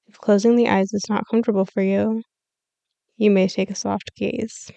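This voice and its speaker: A female yoga nidra teacher guides a scripted meditation, her instructions calm, soothing, and measured, with pauses between them. She speaks at a medium pitch with a creaky quality, recorded with no room sound.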